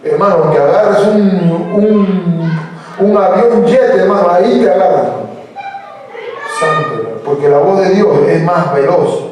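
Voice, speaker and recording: A man's voice: high voice, slow, far from the mic, crowd noise. A man preaching a sermon as pastor, asking the congregation questions, repeating phrases for emphasis and prompting them to say lines back. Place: church hall. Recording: roomy church sound, voice heard from off the mic.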